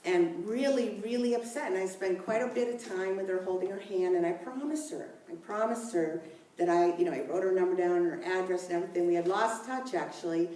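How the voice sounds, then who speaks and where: A woman's voice: on the low side, brisk, dark tone. A woman minister giving a sermon in a church, mixing personal stories with scripture in a chatty, conversational way. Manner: conversational, chatty asides, laughs easily. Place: church sanctuary. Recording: echoey room, mic at a distance.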